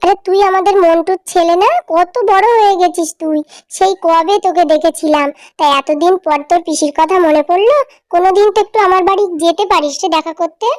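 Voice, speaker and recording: A woman voicing a frail, meek elderly mother-in-law in a cartoon drama, speaking softly and pleadingly. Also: extremely high pitch, no room sound. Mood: affectionate. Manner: pleading, soft and slow. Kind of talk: cartoon voice acting.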